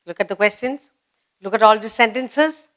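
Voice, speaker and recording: A woman's voice: a little high, moderate pace, a bit bright. A woman teacher with an Indian English accent giving a patient grammar lesson for children, repeating and drawing out each example sentence.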